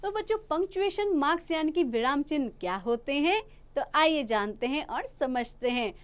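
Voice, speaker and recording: Woman, high-pitched, young adult, children's grammar teacher, coaxing question-and-answer delivery. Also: animated, moderate pace. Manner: addresses children, asks questions and answers them herself. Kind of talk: recorded children's grammar lesson.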